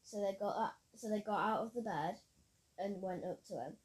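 A woman's voice: mid-range voice, moderate pace, a little mellow, low-quality recording. A woman reading her own story aloud in a plain storytelling manner, with occasional slips. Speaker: narrator.

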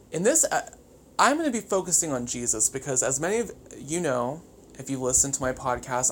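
A podcast host talking casually and solo with wired, chattery, over-caffeinated energy, swearing freely. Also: medium pitch. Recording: clear background noise.

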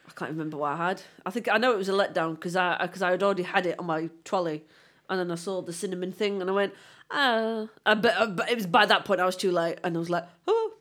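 A woman's voice: lowish voice, steady tone, racing, a bit bright. Chatty woman co-host, giggly and loose-tongued. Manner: chatty, laughs often, swears casually. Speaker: podcast co-host. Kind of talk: casual chat.

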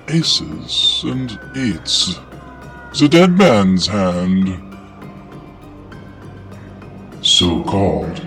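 A solemn, dignified Grim Reaper speaks in a hushed voice that sits very low and drags along slowly, as a man narrating the story puts him on. The sound is far off and heavily echoing, as if carried through a vast chamber. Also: full character voice. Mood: measured. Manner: slow, hushed and measured.

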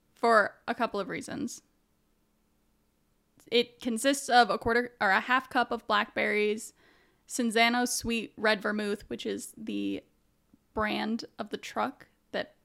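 A chatty woman co-hosting a podcast, her voice on the higher side with a gravelly edge. She talks in loose, casual banter, tossing off quick asides and laughing often. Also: fairly bright tone. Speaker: podcast co-host. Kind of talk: casual chat.

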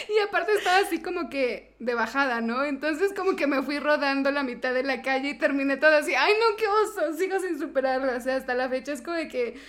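A woman's voice: sits high, quick pace, few pauses. A young Mexican woman telling a story in casual podcast chat, laughing often as she talks. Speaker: podcast co-host.

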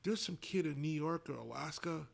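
A man's voice: a little high, expressive, fairly quick, creaky. A man, a former basketball coach from Canada, reflecting in a casual conversation with many fillers.

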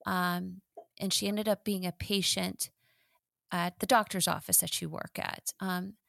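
A woman's voice: on the low side, little pitch movement, measured pace, gravelly, no room sound, studio quality. A woman hosting an interview podcast, recapping the guest's story for listeners in a reflective way. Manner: reflective, summarizing for listeners with gentle fillers. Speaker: host.

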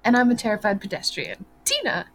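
A woman's voice: medium pitch, huge pitch swings, fairly quick, a bit bright. A woman co-hosting a casual podcast, who talks in a rambling, hesitant way with many fillers. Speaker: podcast co-host.

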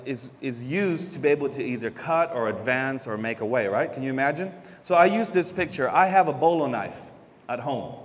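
A Filipino pastor with a notably high voice delivers a sermon in a loose, chatty style, weaving in homely everyday stories and frequently restarting his sentences. A long reverb follows his words, as in a large church hall.

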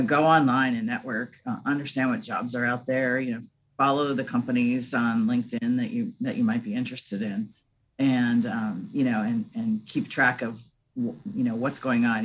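A woman giving informal, halting interview answers as a podcast guest, often padding with "you know". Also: a bass voice, husky, poor audio. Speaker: podcast guest, company recruiter.

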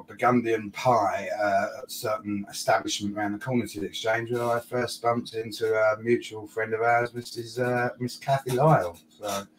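A man's voice: on the low side, flat delivery, moderate pace, hardly any pauses, a crowd in the background, poor audio. A middle-aged man with an Essex accent, chatting casually as an interview guest in a hesitant, matey way. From Essex, England. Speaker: guest, technical analyst. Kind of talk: casual reminiscing chat. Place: garden office shed. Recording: clear background noise, room ambience.

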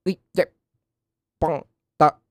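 A man's voice: extremely slow, no room sound, studio quality. A man hosting a radio prank call who fakes a glitchy, breaking-up phone line, chopping his words into clipped bits. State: faking a glitchy cutting-out call.

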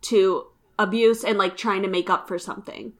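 A woman co-hosting a podcast, recapping episodes in a relaxed, casual way with frequent "like". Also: mid-range voice, normal speed. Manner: relaxed storytelling, many "like" fillers. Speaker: podcast co-host.

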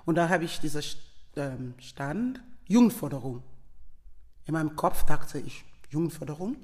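A woman's voice: low-pitched, unhurried, in a large hall. A middle-aged woman from Leone, a guest telling a personal story with feeling and acting out the dialogue, speaking. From Sierra Leone. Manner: animated, acts out quoted dialogue.

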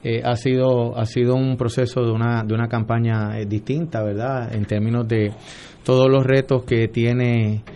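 A man with a Puerto Rican accent answering interview questions as a candidate, halting and full of fillers. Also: medium pitch, level tone, warm tone. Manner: hesitant, with many fillers. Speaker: political candidate guest.

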